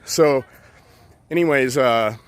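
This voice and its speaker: A man's voice: medium pitch, slow, clean tone. Rambling, cussing man telling a story. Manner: rambling, profane, heavy on fillers. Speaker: vlogger telling a personal story. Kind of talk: casual storytelling.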